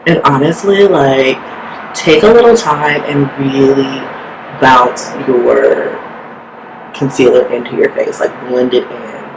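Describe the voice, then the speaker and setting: A woman's voice: rumbling low, slow. Chatty woman vlogger, "like" in every phrase. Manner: chatty, filler-heavy, says "like" often. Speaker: beauty vlogger. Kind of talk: casual makeup tutorial. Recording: steady background hiss.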